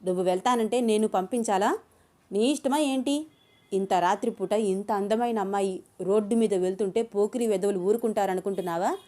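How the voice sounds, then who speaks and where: A woman's voice: mid-range voice, brisk, dark tone, lightly acted. Abhiram is a bossy young man, protective and commanding. His lines come out as stern, blunt orders. A woman narrator reads him in an audio story.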